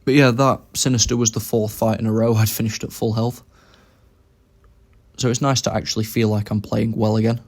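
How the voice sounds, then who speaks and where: Low-voiced man narrating his gameplay. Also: flat delivery, a little fast. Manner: thinks aloud about his moves. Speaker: game commentator. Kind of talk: casual gameplay commentary.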